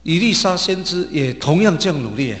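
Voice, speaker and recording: Emphatic preacher man, lively pitch. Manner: emphatic, pausing for translation. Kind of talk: sermon with an interpreter. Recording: long hall reverb.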